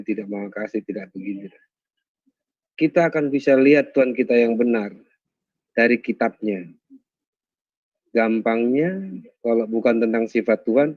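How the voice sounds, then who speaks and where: Measured man explaining, muffled sound. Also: mid-range voice, no echo. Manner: measured and explanatory, slowing down for key points. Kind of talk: calm address to viewers.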